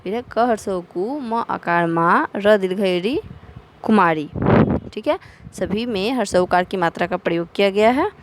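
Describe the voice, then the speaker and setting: A woman teacher giving a Hindi lesson to young children, spelling words out slowly, syllable by syllable. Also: mid-range voice, animated, background noise. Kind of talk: primary school Hindi lesson.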